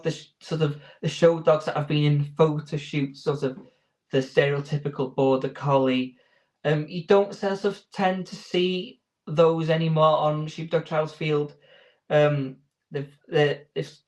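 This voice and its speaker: A man's voice: a little high, low-quality recording. A man giving informal interview answers as a sheepdog handler, explaining in a hesitant, rambling way.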